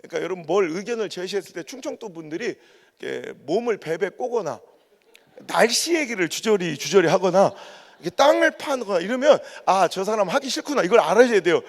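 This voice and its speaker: A man's voice: high voice, animated, a little fast. A man preaching a revival sermon as a pastor, telling humorous stories with mimicked dialect quotes. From Korea, raised in Chungcheong. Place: large church sanctuary. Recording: long church reverb.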